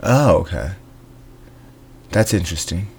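Low-voiced dry male co-host, sardonic, recorded inside a closet. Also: expressive, measured pace, breathy edge. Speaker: podcast co-host. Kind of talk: casual comedic chat.

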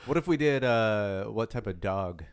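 A man's voice: lowish voice, expressive, moderate pace, smooth. Easygoing guy on a sports podcast, chuckles a lot, loose rambling chat. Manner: laid-back, laughs often, lots of fillers. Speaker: podcast co-host. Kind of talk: casual chat.

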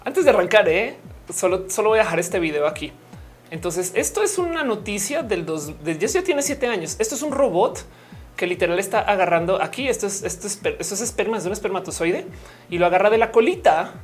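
Faint music sits behind this young Colombian livestream host, whose medium-pitched voice is expressive and a little quick. She reads comments casually, joking around and laughing often.

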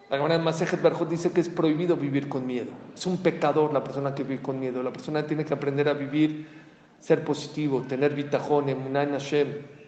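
A man's voice: a little high, a little mellow, muffled recording. A man giving a sermon as a rabbi, asking rhetorical questions and rising to emphatic outbursts. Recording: echoey hall, faint ambience.

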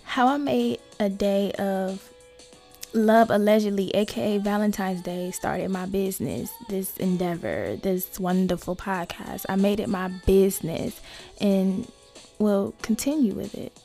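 Slow, creaky-voiced woman podcaster chatting. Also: mid-range voice, mellow, faint music behind. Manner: slangy, swearing, conversational asides to listeners. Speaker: podcast host. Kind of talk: casual solo podcast chat.

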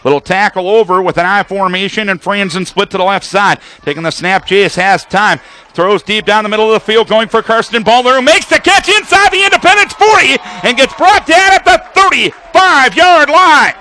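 Here a radio football announcer, a man with a high and bright voice, narrates at normal speed with slight background noise behind him. He uses terse descriptive phrases for formations and action, pushing his voice out forcefully for broadcast and sounding excited on major plays.

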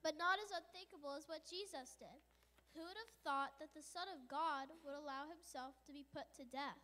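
Woman doing a patient grandma, high bright voice, echoey room. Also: moderate pace. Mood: tender. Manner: patient, explaining to a child. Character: gentle believing grandmother, patient teacher.

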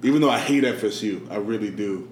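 Relaxed man saying "like" a lot. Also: fairly low pitch, fast. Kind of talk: casual sports chat. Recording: echoey room, faint background noise.

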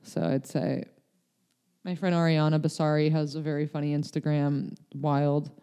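Young woman, casual podcast guest; mellow tone, candid, meandering delivery. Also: deep voice, little pitch movement, normal speed, clear, resonant tone. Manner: rambling, filler-heavy, candid. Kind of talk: casual chat. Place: LA area.

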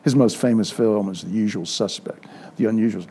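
A man's voice: lowish voice, a little fast, slightly rough. An older man teaching a church Sunday school class, telling anecdotes and acting out the dialogue. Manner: lively storyteller, acts out quoted dialogue. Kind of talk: informal sermon with storytelling.

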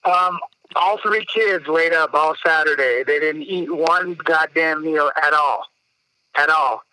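A man's voice: fairly high pitch, slow pace, pushed and bright, poor audio. A man in his thirties hosting a podcast, telling a story in a casual, profane way. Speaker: podcast host.

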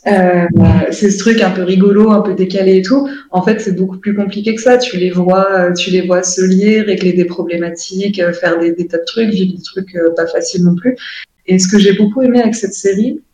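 A woman's voice: mid-range voice, steady tone, brisk, mellow, roomy sound, rough recording. A woman in a casual chat, rambling with enthusiasm and searching for her words. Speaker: guest on a chat show.

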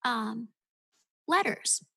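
A woman's voice: on the high side, animated, very slow, gravelly, a bit bright, breathy edge, no echo, rough recording. A woman guest on a podcast, telling her story as a homeschooling mother in an earnest, heartfelt way. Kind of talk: casual podcast interview.

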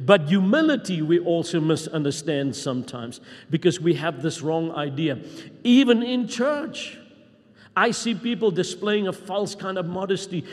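High-voiced man preaching in a reverberant hall. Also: expressive, normal speed. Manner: emphatic, reading scripture aloud with rising intensity. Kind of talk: sermon. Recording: long reverb of a large hall.

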